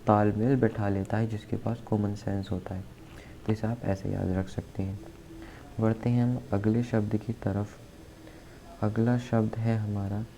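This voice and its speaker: A man's voice: on the low side, mellow, rough recording. A man teaching exam vocabulary, spelling words out letter by letter and repeating key words as he explains memory tricks. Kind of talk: exam-prep vocabulary lesson. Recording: faint background noise.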